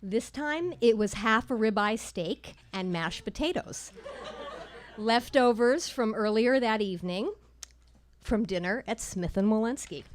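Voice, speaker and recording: A woman tells a personal story onstage at a small live storytelling night. Her delivery is measured and wry, landing dry jokes with careful timing. Her voice sits at an ordinary middle pitch.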